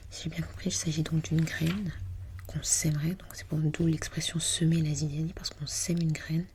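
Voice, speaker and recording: A woman whispering breathily as in a library, reading aloud for ASMR in a hushed, unhurried, musing way. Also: deep voice, flat delivery, slight background noise. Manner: hushed, unhurried, murmuring to self while reading. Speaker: ASMR host.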